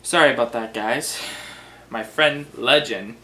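A man hosting a casual vlog, animated and swearing, easily worked up as he talks. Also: medium pitch, unhurried. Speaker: vlog host. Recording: echoey room.

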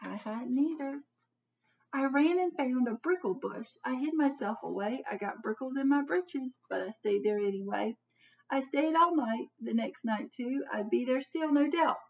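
A husky, high-voiced woman in her thirties, speaking at a moderate pace, dramatically reads a picture book to children and asks them questions in a teacherly way. The recording, made on a desk-distance webcam in a small home office, is dull and distant.

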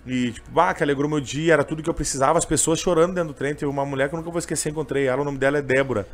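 Man, gaúcho accent, young adult, rapid speech, slightly high voice, emotional and rambling storytelling. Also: fairly even intonation. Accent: gaúcho Portuguese. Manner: emotional, rambling, full of fillers like "cara" and "bah". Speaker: interviewee, train vendor and singer. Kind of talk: casual storytelling interview.

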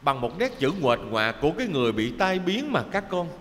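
A man's voice: fairly high pitch, sing-song, fairly quick. A man, a Buddhist monk with a Southern Vietnamese accent, telling an emotive story in a sermon and calling his listeners his children. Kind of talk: Dharma talk storytelling. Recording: reverberant hall, faint background noise.

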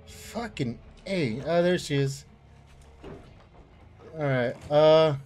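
A man giving let's play commentary, muttering to himself and bursting into swearing yells. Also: on the high side, slow. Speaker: gameplay streamer.

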